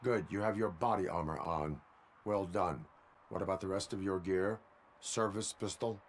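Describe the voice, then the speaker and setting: An actor playing a stoic robotic police mentor in a video game, speaking formally in a measured, steadying way. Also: male voice, deep voice, slight background noise, close to an everyday voice. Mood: calm, instructive. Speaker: field trainer.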